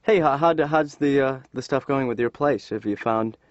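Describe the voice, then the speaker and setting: A man's voice: medium pitch, moderate pace, dry recording, close to an everyday voice. An actor playing an aimless young man, talking in a hesitant, rambling way. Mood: sheepish. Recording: dull dry lo-fi studio track.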